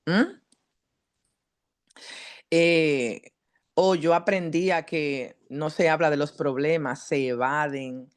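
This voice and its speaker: A woman psychologist giving a teaching talk at a church, addressing the congregation directly and asking them questions in a lively, earnest way. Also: sits low, takes it slowly, pauses often, clean tone. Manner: lively, earnest preaching delivery.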